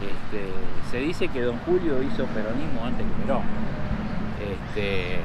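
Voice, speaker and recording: An older man speaks in a casual outdoor interview, stumbling and repeating words as he goes. Clear ambient noise and vehicle sounds surround his voice. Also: medium pitch, lively intonation. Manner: halting, repeats words while searching. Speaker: local interviewee. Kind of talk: conversational interview.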